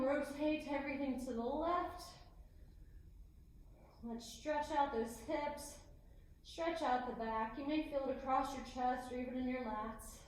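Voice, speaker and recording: A woman's voice: high-pitched, a little mellow, slight background noise. A woman fitness coach leading a home workout, counting reps and giving step-by-step cues, a little out of breath. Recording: very echoey room.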